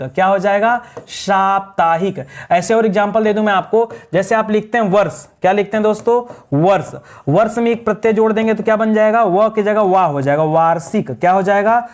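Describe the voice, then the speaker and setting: A man's voice: high-pitched, darkish tone. Man drilling a spelling lesson. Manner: drills answers with repeated questions. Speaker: teacher. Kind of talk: exam-prep grammar lesson.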